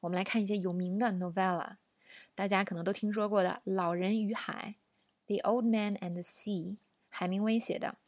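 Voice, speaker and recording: A woman's voice: mid-range voice, fairly even intonation, normal speed, dry recording. A woman teaching a casual language lesson, explaining in a chatty way and often asking the listener rhetorical questions. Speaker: English teacher.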